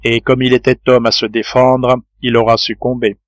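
A man's voice: mid-range voice, level tone, moderate pace, no echo, natural voice. A man voicing a resolute middle-aged engineer in an audiobook, speaking firmly and earnestly. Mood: grave.

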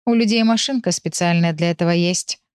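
A woman voicing a blunt, sharp-tongued female pet animal. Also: on the low side, a little fast, smooth, no echo, studio quality, close to an everyday voice. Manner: snorting, blunt.

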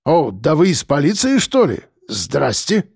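A man's voice: on the high side, wildly swooping pitch, unhurried, vocal fry, husky, no echo, studio quality, full character voice. Man doing a chatty cabbie with a Caucasus accent. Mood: friendly, hospitable. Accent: light Caucasus. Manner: warm, chatty, unflappable, calls people dear. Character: cheerful hospitable middle-aged male cafe owner driving a cab. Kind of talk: audiobook character voice.

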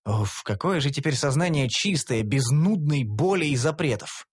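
A man narrating a humorous fantasy audiobook in the first person, with a wry, expressive delivery. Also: a little high, moderate pace, husky.

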